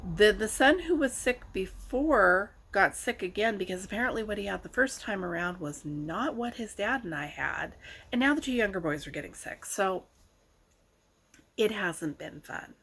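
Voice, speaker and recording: A middle-aged woman hosting a casual craft vlog, chatting wryly and conversationally, a little hoarse from being sick with a sore throat. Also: mid-range voice, lively intonation, moderate pace, a bit bright, poor audio.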